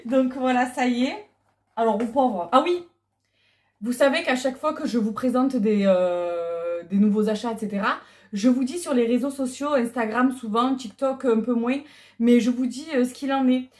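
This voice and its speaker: Speaking into a clip-on mic, a middle-aged woman vlogger does a casual unboxing chat, hesitant and filler-heavy. Her voice is on the high side, darkish in tone, at normal speed.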